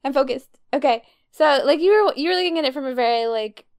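A woman's voice: high-pitched, animated, quick pace, a little mellow. A woman co-hosting a podcast, chatting casually in a rambling way. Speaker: podcast co-host. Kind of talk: casual chat.

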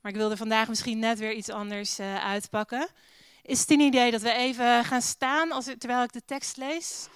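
A woman's voice: on the high side, steady tone, moderate pace, few pauses, smooth, studio quality. A woman preaching a sermon in a church hall, earnest, reading scripture aloud and leading a prayer, with an occasional English phrase.

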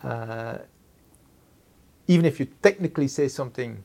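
With a gravelly, darkish mid-range voice, a middle-aged Flemish-accented Dutchman talks about leading as a company executive. Pauses to grope for words come often, and he tacks "huh?" onto his points.

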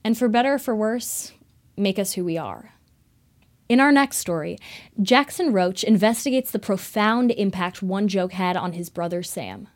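A woman host giving scripted introductions between segments of an audio program in a smooth read. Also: medium pitch, normal speed. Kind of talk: scripted radio hosting.

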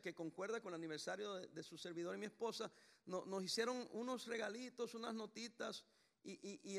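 A middle-aged man preaching a sermon as pastor, in an animated way that brings his stories to life. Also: high-pitched, creaky. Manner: animated, acts out voices in storytelling.

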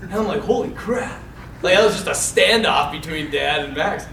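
Talking a little fast with a sharp edge and some vocal fry, this man's fairly high voice belongs to a priest giving a loose, sermon-style talk on raising children. He wanders through anecdotes and performs the voices he quotes, captured by a distant mic in an echoey hall with background noise.

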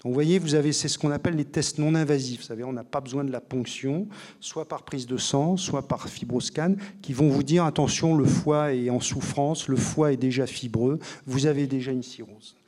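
This male doctor and author, medium-pitched with a steady, dark tone and normal speed, explains things in an interview. His manner is didactic, full of fillers and restarts.

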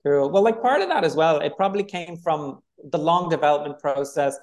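Relaxed Dublin man, rambling. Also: fairly high pitch, fairly quick. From Ireland. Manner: rambling, relaxed, many fillers. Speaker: film director. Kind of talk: casual interview chat.

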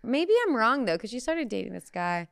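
A woman's voice: a little high, big pitch swings, moderate pace, creaky, a bit bright, no room sound. A woman hosting a podcast who tells stories chattily and laughs through them. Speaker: podcast host. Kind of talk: casual podcast storytelling.

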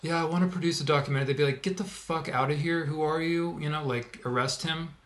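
A man's voice: a little high, steady tone, fast talker, a bit bright, a little hiss or hum. A young man co-hosting a podcast, talking in a rambling, jokey way with lots of restarts. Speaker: podcast co-host. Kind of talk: casual chat.

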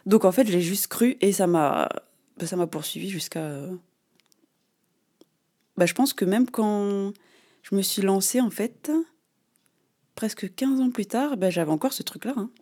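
Woman in her 30s, podcast host, mellow tone, casual and lively solo storytelling, filler-heavy. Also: mid-range voice, measured pace, pauses often. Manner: animated, slangy storytelling with frequent fillers.

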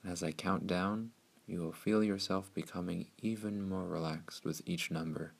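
A man narrating a scripted guided meditation in a soothing, hushed, unhurried way with long pauses. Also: sits low, fairly even intonation, vocal fry, breathy edge.

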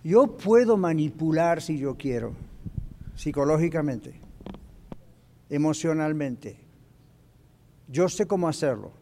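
A male pastor preaching an animated teaching sermon in church, dropping in English phrases. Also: on the high side, takes it slowly, pauses often, a little hiss or hum. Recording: echoey church hall.

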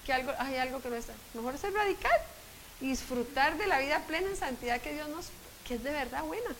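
A woman's voice: sits high, animated, a little fast, a bit bright, a little hiss or hum, low-quality recording. A woman preaching a sermon at a conference, emphatic and conversational, speaking straight to her listeners. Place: conference hall.

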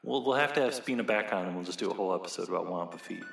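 A man's voice: low voice, racing, gravelly. A man hosting a podcast in casual, playful chat, repeating phrases with mock seriousness. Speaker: podcast host.

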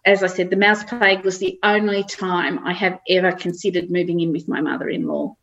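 A woman's voice: on the low side, flat delivery, fairly quick, fairly bright tone, muffled recording. A middle-aged Australian woman, a farmer, telling anecdotes in a chatty, casual interview. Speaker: farmer guest. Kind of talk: casual chat.

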